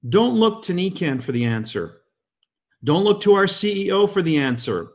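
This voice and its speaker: This man's voice sits high and has a sing-song quality, delivered at normal speed. In his fifties, he is guest-hosting a leadership call and giving a motivational talk rich in emphatic rhetorical questions.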